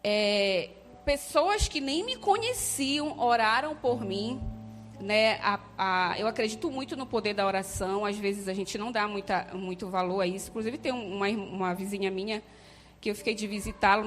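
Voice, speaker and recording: A woman's voice: mid-range voice, moderate pace. A woman giving a heartfelt personal faith testimony, hesitant and often checking in with her listeners. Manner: heartfelt, hesitant, frequent "né?" tags. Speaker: church member giving testimony. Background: faint music.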